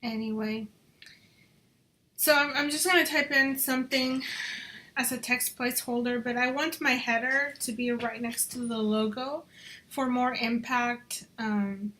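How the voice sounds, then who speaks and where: A woman's voice: on the high side, fairly even intonation, unhurried, sharp tone. A woman talking through her design work on a screen recording, chatty and muttering to herself as she goes, slipping in Spanish phrases now and then. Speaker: job applicant.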